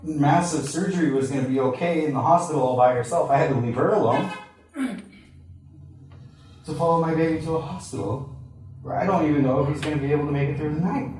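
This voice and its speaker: A man's voice: a little high, quick pace, pauses often, darkish tone, soft background music. A man, a pastor, earnestly telling a personal story during a sermon in a conversational way. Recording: echoey room, mic at a distance.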